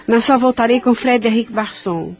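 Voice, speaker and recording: A woman playing an anxious but determined carer at a deathbed, earnest and formal in a radio melodrama, with a slightly husky voice. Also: on the high side, normal speed, natural voice. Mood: resolute. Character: anxious, determined woman tending a dying loved one. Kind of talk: melodramatic radio drama acting.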